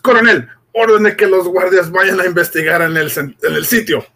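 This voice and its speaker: A male actor playing an authoritative army general with a husky, commanding delivery in an old radio drama. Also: high voice, steady tone, moderate pace, sharp tone, exaggerated voice.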